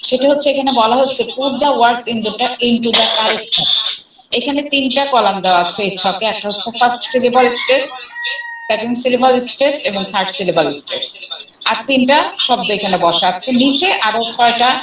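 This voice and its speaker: A woman with a Bangladeshi accent teaching an online English class, slowly reading out English questions. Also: a little high, noisy background. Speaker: English instructor. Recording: echoey room, far from mic, people talking. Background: students chiming in.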